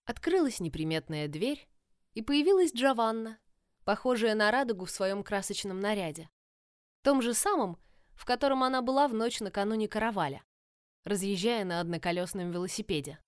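A woman reading a novel aloud as audiobook narrator, in a measured, expressive storytelling manner. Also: medium pitch, clear, resonant tone, no echo, clean studio sound.

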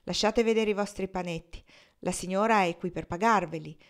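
A woman reading aloud, voicing a brisk, practical cook giving orders. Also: medium pitch, lightly acted.

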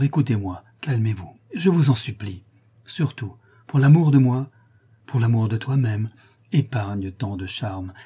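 A man's voice: medium pitch, dark tone, slightly rough. A man reading aloud, voicing a young nobleman who pleads with his mistress in flowery words.

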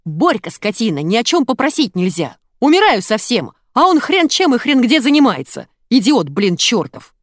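A woman's voice: on the high side, big pitch swings, moderate pace, hardly any pauses, dry recording, studio quality, pitched above the performer's own voice. A woman voicing an angry wife screaming insults down the phone. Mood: furious. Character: furious shrill sick wife on the phone.

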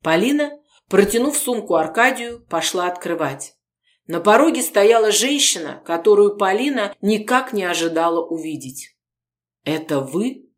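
A woman's voice: medium pitch, lively intonation, moderate pace. Woman reading an audiobook. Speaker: audiobook narrator. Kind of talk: scripted first-person narration.

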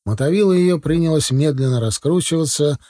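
A man's voice: fairly high pitch, fairly quick, dark tone, no echo, clean studio sound. A man narrating an audiobook in the first person, telling the story steadily.

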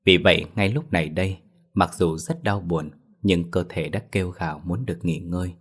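A man narrating a ghost story as a storyteller, with a measured, dramatic delivery. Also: deep voice, a bit bright, breathy edge.

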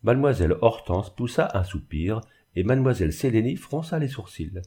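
A man narrating a classic novel in an expressive, dramatic reading. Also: lowish voice, fairly quick, husky. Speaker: audiobook narrator. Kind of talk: literary reading.

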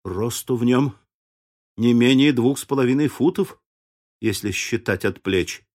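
A man's voice: medium pitch, a little slow, darkish tone, lightly acted. A man voicing a wary, practical trapper who speaks in a dry, matter-of-fact way in an audiobook. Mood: musing. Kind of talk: audiobook character voice.

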